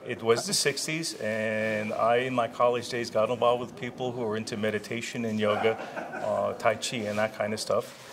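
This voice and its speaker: A man in his sixties, born in Israel and raised in New Jersey, answering interview questions in an unhurried way with many pauses and restarts. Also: fairly low pitch, steady tone, crowd noise. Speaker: interviewee, retired chiropractor.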